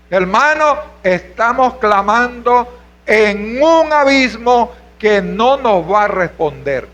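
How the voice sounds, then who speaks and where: With an extremely high, sharp voice heard through a muffled recording, a man from Venezuela preaches as pastor. He fires rhetorical questions at his congregation and calls out hermano and aleluya.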